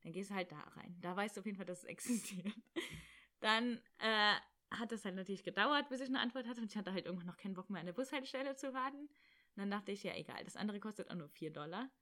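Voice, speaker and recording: A young woman casually telling a story about her travels, animated and acting out bits of dialogue. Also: medium pitch, quick pace. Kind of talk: casual chat.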